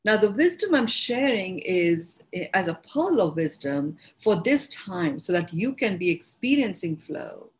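A woman with an Indian accent hosting a podcast, talking through ideas in an unhurried, reflective way and often restarting words as she finds her phrasing. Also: fairly low pitch, sing-song, rough recording. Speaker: podcast host and speaker on personal growth. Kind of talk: reflective spoken teaching.

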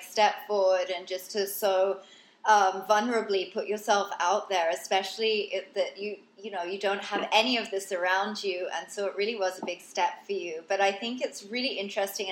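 A woman's voice: mid-range voice, fairly even intonation, moderate pace. A woman hosting a conversational interview, affirming and encouraging her guest as she puts questions. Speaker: interview host. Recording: roomy, echoing sound.

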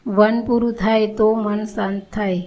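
A woman's voice: medium pitch, level tone, measured pace, a little mellow, close to an everyday voice. A woman voicing a fearful, anxious old male monk who asks worried, pleading questions in a storybook tale.

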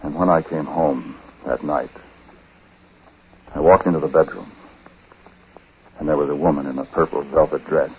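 An actor playing a troubled, uneasy husband who narrates in a hesitant, conversational way in a 1940s radio drama. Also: male voice, a bass voice, fairly even intonation, moderate pace, long pauses. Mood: agitated recounting. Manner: hesitant, conversational, breaking off and repeating words. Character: troubled husband, uneasy, recounting his own story. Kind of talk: 1940s radio acting, first-person confessional narration. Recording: muffled, noisy 1940s radio recording.

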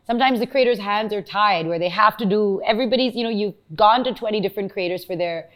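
A woman's voice: medium pitch, quick pace, a bit bright. A woman with an Indian accent hosting an interview, affirming her guest and thinking aloud through long, conversational questions. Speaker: interview host.

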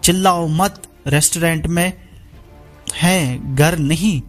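A man's voice: a little high, slow, faint music behind. A man voicing a scheming young woman villain who talks in a sneering, taunting way. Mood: smug scheming.

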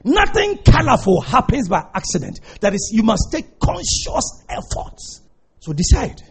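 A pastor preaching a sermon, urging and repeating himself, breaking into shouts. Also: male voice, sits high, wildly swooping pitch, measured pace, husky. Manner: exhortative preaching, repeating phrases, bursts of shouting.

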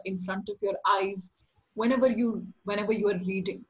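A middle-aged voice-over artist with a slightly nasal, mid-range voice chats as a podcast guest in a casual interview, instructive and playful and laughing often. She talks a little fast with fairly even intonation, and the highs are cut off.

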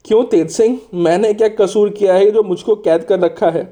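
A man's voice: high voice, normal speed, warm tone, close to an everyday voice. A man voicing a loyal, obliging older court minister in a storybook, frank and earnest. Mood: puzzled, friendly.

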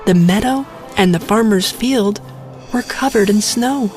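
A woman's voice: medium pitch, measured pace, darkish tone, faint music behind. A woman narrating a scripted bedtime story for children.

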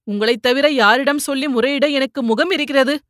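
A woman's voice: high-pitched, moderate pace, a bit bright, no room sound, studio quality, pitched above the performer's own voice. A woman voicing a remorseful young man who pleads tearfully for forgiveness, in an audiobook reading. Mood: desperate.

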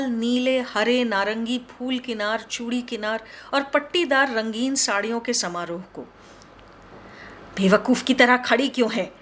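A woman narrating a short story in an expressive, measured reading. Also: high voice.

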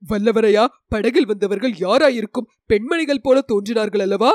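A woman's voice: fairly high pitch, normal speed, darkish tone, dry recording, clean studio sound, close to an everyday voice. A woman voicing a headstrong young prince in a storybook reading, speaking in a commanding, challenging way. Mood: curious.

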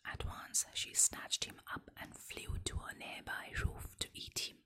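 Whispering gently and slowly, a female storyteller reads fables and folk tales aloud. It's a soft ASMR-style story reading.

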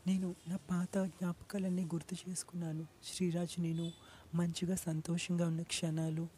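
A young woman with a low-set, mellow voice narrates her own life story. She speaks earnestly and from the heart, like a confession. She drops English words into her sentences. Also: a little hiss or hum. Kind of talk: first-person personal story narration.

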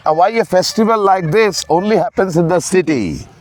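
A man's voice: high-pitched, animated, normal speed. A man with an Indian accent explaining things as an interview guest, emphatically and with repeated phrases. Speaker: festival organiser, interview guest. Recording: faint music behind. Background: music.

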